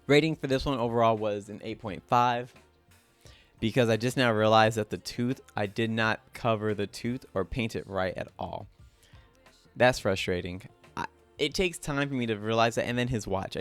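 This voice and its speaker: A young man casually talking through his own drawings as host, rambling and self-critical, with lots of "like" fillers. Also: medium pitch. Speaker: artist and channel host.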